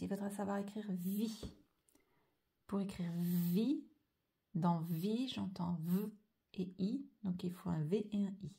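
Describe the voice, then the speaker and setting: A woman teaching a slow handwriting dictation lesson, carefully drawing out each sound and letter. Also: mid-range voice, gravelly, mellow. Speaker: primary school teacher.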